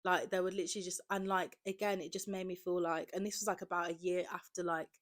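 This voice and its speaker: Fast and level-toned, this podcast host from around Birmingham, England, a woman in her 20s with a lowish voice, talks openly in a casual confessional monologue, leaning heavily on "like."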